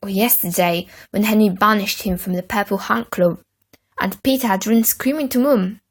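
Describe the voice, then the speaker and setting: A woman narrating a children's storybook with an expressive, dramatic reading. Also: medium pitch, normal speed.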